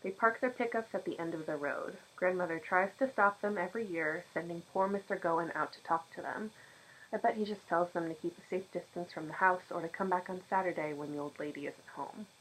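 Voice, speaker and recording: A woman calmly reading a novel aloud at home, in steady first-person narration. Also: lowish voice, a little fast, a little hiss or hum, low-quality recording. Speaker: audiobook reader. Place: home, by a bookshelf.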